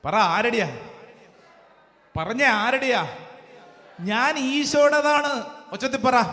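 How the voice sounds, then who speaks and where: Male priest, high register, fervent call-and-response sermon, roomy hall reverb. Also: pushed and bright. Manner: fervent, quizzes the congregation with rapid questions. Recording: echoey church hall with long reverb.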